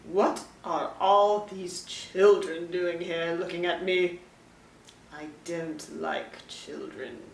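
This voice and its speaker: A woman voicing a prim, haughty puppet who looks down on children, speaking in a stuffy, drawn-out way. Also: on the low side, steady tone, recorded from a distance, a little hiss or hum. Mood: disdainful. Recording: roomy echo, faint ambience.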